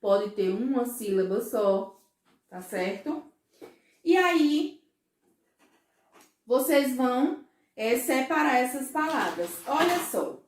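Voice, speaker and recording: A woman teaching a first-grade class, explaining slowly and patiently, often checking that the children follow. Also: sits high, big pitch swings, reverberant. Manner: slow, patient, syllable-by-syllable explaining; frequent checking questions to pupils. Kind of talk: recorded remote class for children.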